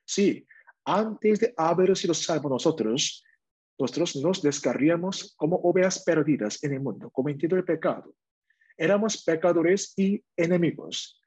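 A man preaching a sermon in a church, reading Bible verses slowly and deliberately. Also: a little high, lively intonation, darkish tone, slightly rough. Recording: dull, lo-fi dry recording.

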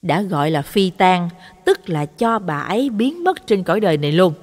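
A woman's voice: lowish voice, big pitch swings, moderate pace, darkish tone, big-room sound. A woman voicing a short-tempered man who scolds and barks his words. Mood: angry. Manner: barking, scolding. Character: harsh, short-tempered dog butcher man.

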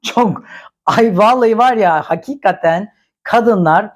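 A woman's voice: mid-range voice, unhurried. A woman commenting on celebrity gossip in a blunt, indignant, scolding way.

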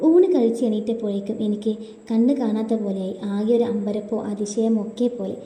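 A woman reading a first-person story as narrator in a steady, even storytelling manner, recorded in a roomy space with long reverb. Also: medium pitch, fairly quick.

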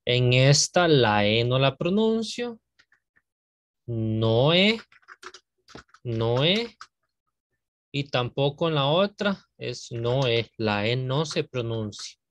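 Male English teacher, middle-pitched, unhurried, repeats each point for the class. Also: fairly bright tone, dry recording. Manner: patient, repeats rules and checks understanding. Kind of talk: classroom explanation of grammar.

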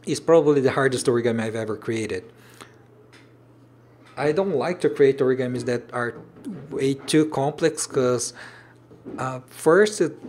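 The voice is mid-range and darkish, with a little hiss or hum. It's a man in his thirties, an origami designer hosting a casual home livestream indoors among shelves, reading comments from viewers. Speaking with a Brazilian Portuguese accent, Portuguese being his native language, he often pauses and restarts while searching for English words.

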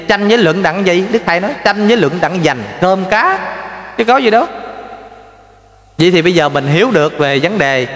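A man giving a folksy lay Buddhist sermon, telling stories with lively rhetorical questions to his listeners. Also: high-pitched. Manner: animated storytelling, addresses listeners directly, rhetorical questions. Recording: roomy with long reverb.

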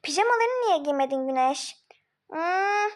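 A woman's voice: very high voice, expressive, measured pace. Woman playing frantic, flustered older sister. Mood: bossy. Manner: frantic, talks to herself, repeats words. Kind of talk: homemade mini-series role-play.

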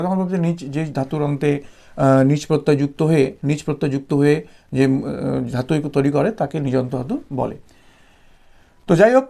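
A man from West Bengal teaches a Sanskrit grammar lesson. His voice sits a little high for a man, with a gravelly, fry-laden edge. He explains patiently, repeats himself, fills pauses with "ah", and slows right down to spell out each example. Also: dark tone. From West Bengal, India. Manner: patient, repetitive explaining with frequent "ah" fillers. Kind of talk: exam-prep grammar lesson.

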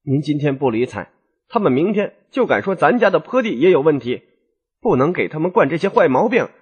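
A male narrator puts on a young noble wife who runs the household, her voice pitched high and her words sharp and indignant. The voice swoops up and down and has a husky edge. Audiobook storytelling. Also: big pitch swings, brisk, lo-fi sound.

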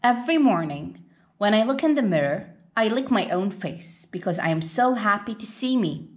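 In a children's picture-book read-aloud, a woman voices a proud, independent cartoon dog who is self-satisfied, bossy and affectionate. Her medium-pitched delivery is animated and lightly acted, at a normal speed.

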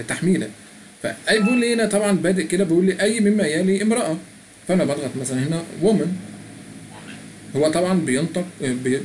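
Man, Egyptian Arabic accent, middle-aged, rapid-fire, slightly high voice, faint room hum. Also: a little mellow. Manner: chatty, reads app prompts aloud and explains. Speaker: tutorial presenter. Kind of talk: screen-recorded app walkthrough.

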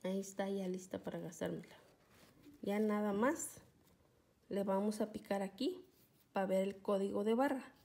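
With medium pitch and fairly even intonation, this couponing vlogger talks at a normal speed, her voice gravelly and somewhat dark, broken by long pauses. She's giving a casual, chatty tutorial from home, often checking in with viewers. Her phone camera is aimed at a phone screen, and she stays off screen.

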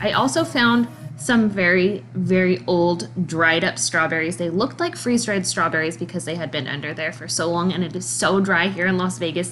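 A cleaning vlogger in her thirties narrates her video in a chatty, enthusiastic voice-over, laughing now and then. Her voice is mid-range and fairly bright, with faint music in the background.

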